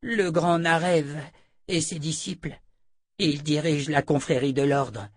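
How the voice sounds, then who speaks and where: A sniveling, fawning male killer in a storybook reading, voice pushed a bit higher than the reader's own, as a man reading aloud puts him on. He wheedles and grovels, zealous about his master. The sound is dry and close. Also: steady tone, unhurried, no echo, close to an everyday voice.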